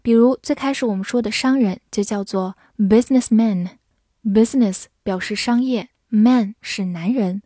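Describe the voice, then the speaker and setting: A woman teaching English vocabulary in a scripted lesson, spelling words letter by letter and reading example sentences slowly. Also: fairly high pitch, warm tone, no echo, studio quality.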